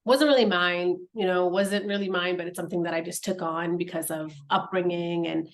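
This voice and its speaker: A woman's voice: on the low side, steady tone, a little fast. A woman from Nepal, a podcast guest, talking in an earnest, reflective way with many casual fillers. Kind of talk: casual conversational interview.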